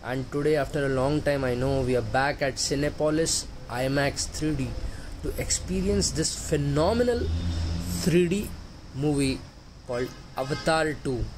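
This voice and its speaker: A man speaks in an excited, emphatic vlog voice-over with a mid-range pitch. A steady hum of air conditioning runs beneath his voice. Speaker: vlogger.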